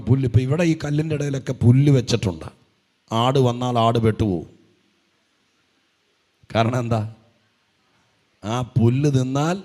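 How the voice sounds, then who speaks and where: A man preaching a Pentecostal sermon who keeps saying "praise the Lord" and "hallelujah". He asks the congregation questions and moves from quiet asides to loud, stressed lines. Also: medium pitch.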